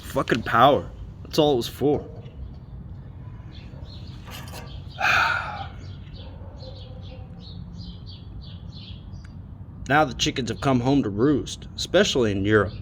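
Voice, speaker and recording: A man in his thirties in a casual, heated rant, swearing often and pausing between thoughts. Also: medium pitch, a little hiss or hum. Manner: heated, swearing, with long pauses. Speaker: monologue speaker.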